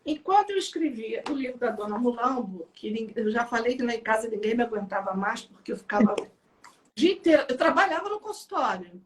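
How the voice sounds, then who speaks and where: A woman, an author telling lively anecdotes about her book and laughing as she goes. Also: fairly high pitch, a little fast, a little hiss or hum. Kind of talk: casual storytelling talk.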